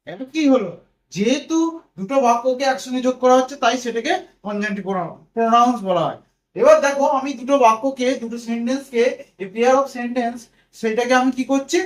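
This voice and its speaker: A man's voice: extremely high pitch, roomy sound. A man with a Bengali accent teaching an English grammar lesson at a whiteboard; he asks questions and answers them himself, and repeats key words.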